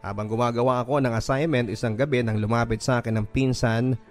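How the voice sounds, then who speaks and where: With a steady tone and a quick pace, a medium-pitched Filipino man narrates a listener's first-person story on his radio drama program. His delivery is dramatic, earnest, and sentimental, laid over background music.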